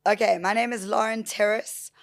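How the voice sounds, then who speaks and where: Hoarse woman guest. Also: mid-range voice, steady tone, moderate pace. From South Africa. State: hoarse, lost her voice. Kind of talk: casual interview answers.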